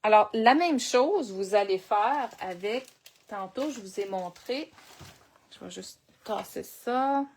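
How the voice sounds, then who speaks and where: A Québécois woman talks viewers through a live crafting project at an unhurried pace. She chats and thinks aloud as she works, with a voice of ordinary middle pitch. Faint noise sits behind her. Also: animated. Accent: Québécois French. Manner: chatty, thinks aloud while working. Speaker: crafting instructor.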